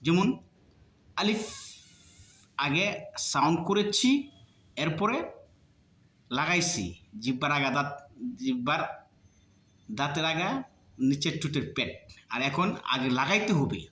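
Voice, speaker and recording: A man's voice: a little high, animated, unhurried, pauses often, sharp tone, echoey room. A man teaching Arabic letter pronunciation step by step, patiently drilling each sound with many repetitions in a colloquial way. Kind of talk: slow step-by-step lesson.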